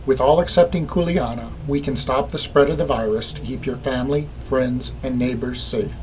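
A man delivers a scripted public safety bulletin in a formal, measured way. His voice sits at an average pitch. The recording carries clearly audible noise behind him. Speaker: civil defense announcer. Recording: clearly noisy background.

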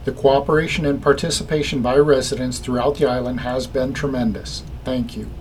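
A man delivers a scripted public safety bulletin in a formal, measured way. His voice sits at an average pitch. The recording carries clearly audible noise behind him. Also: fairly even intonation. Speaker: civil defense announcer. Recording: clearly noisy background.

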